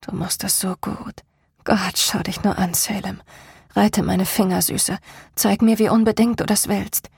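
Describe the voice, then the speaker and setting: A woman voicing a seductive, caring female lover in whispered role-play, murmuring low. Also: steady tone, unhurried, creaky, a little mellow, breathy edge, dry recording, studio quality, heavily acted. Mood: murmuring tender.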